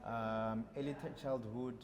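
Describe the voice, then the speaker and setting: A man from South Africa, around his thirties, telling stories as a podcast guest in a relaxed manner with many fillers. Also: mid-range voice, unhurried, crowd noise. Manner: relaxed storytelling with frequent fillers. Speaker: podcast guest, long-distance walker. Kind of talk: casual interview chat. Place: podcast studio.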